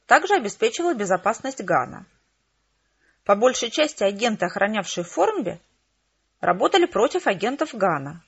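A woman narrating a novel in the first person with a steady, measured reading. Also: mid-range voice, husky, muffled recording. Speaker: audiobook narrator.

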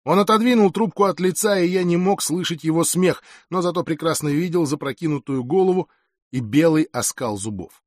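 Man, audiobook narrator, first-person reading, expressive, slightly high voice. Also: fairly quick, no echo, clean studio sound.

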